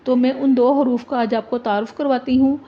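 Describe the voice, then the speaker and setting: A woman teaching an alphabet lesson, speaking slowly, repeating letters and words and checking in often. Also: sits high, steady tone. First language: Urdu. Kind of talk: slow, deliberate alphabet lesson for teachers and children. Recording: dull lo-fi recording.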